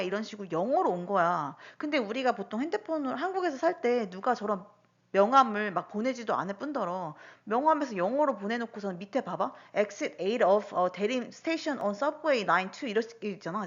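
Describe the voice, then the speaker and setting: A woman in her thirties casually recounting personal incidents in a monologue, full of rhetorical questions. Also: mid-range voice. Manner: animated, lots of rhetorical questions and fillers. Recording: dull lo-fi recording.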